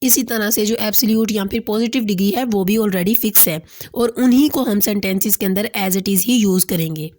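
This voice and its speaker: A woman talks through a grammar lesson in a recorded voice-over. She moves patiently step by step, restates each point, and slips English terms into her sentences. Her pitch sits in an ordinary middle range. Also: a little fast, darkish tone. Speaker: English teacher.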